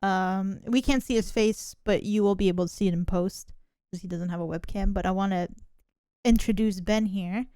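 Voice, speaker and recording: A woman's voice: medium pitch, fairly even intonation, moderate pace, dark tone, smooth, no room sound, clean studio sound. A young woman hosting a podcast in casual, chatty talk that rambles a little. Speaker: podcast host. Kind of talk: casual chat.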